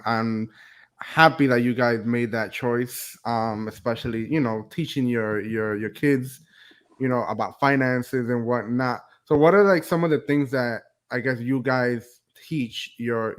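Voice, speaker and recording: A young adult man from New Jersey hosting a casual interview over a video call, rambling and restarting his questions. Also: mid-range voice. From New Jersey, USA. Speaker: host.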